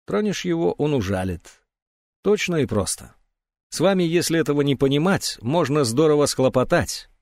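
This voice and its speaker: A man voicing a calm, ironic male doctor who speaks with dry humour, pitched above his own voice. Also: moderate pace, no echo. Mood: wry.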